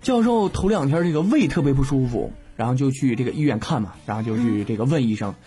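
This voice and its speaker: A man's voice: mid-range voice, lively intonation, fast, dark tone, faint music behind. A man, hosting a comedy podcast and telling jokes in a playful, slangy way. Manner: playful, laughs often, slangy. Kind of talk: casual joke telling.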